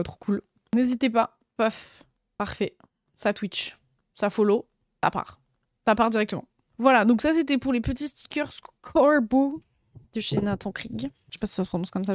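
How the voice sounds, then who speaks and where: A woman's voice: mid-range voice, a little mellow, no echo, studio quality. A young woman, chatting casually on a live stream and gushing over her convention finds with lots of fillers. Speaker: streamer showing convention purchases.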